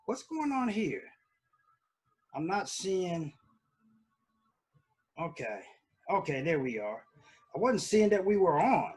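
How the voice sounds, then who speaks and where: A man's voice: high-pitched, sing-song, slow, pauses often, darkish tone. A man hosting a casual live stream from home, talking loosely with lots of fillers and restarts. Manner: loose, rambling, conversational with fillers. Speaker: host.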